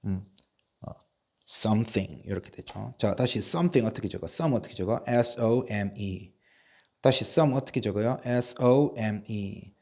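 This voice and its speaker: A man's voice: on the low side, slow, creaky, darkish tone. A man teaching an online English spelling lesson, asking how each word is written and then spelling it out letter by letter. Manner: drills spelling, spelling words out letter by letter; asks and answers his own questions. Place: recording a video lesson.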